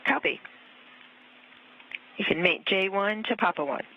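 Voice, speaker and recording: A man at mission control giving steady instructions over a radio link, with frequent fillers. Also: sits high, unhurried. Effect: heard over radio link. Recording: dull radio audio with faint static.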